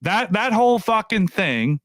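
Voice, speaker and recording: A man rants to his online audience with a swinging, animated pitch that sits a little high for a man. He swears freely and circles back over the same phrases. The sound is close and dry, with no room around it. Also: a little slow, dry recording. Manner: profane, repetitive, restarts phrases. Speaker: YouTube commentator. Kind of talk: casual rant to camera.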